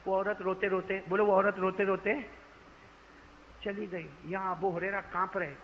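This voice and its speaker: A man's voice: sits high, level tone. A man preaching a storytelling sermon to a congregation, dramatic and speaking directly to his listeners, on a dull, slightly noisy recording. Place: gathering before a congregation. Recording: dull lo-fi recording with faint noise.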